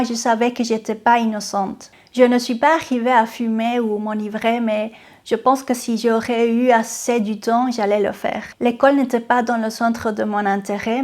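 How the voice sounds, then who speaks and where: Here a Venezuelan woman gives a personal testimony on camera, her fairly high voice a little mellow and her accent Venezuelan Spanish. She talks earnestly at an easy pace, often pausing and beginning again. Faint music runs beneath her.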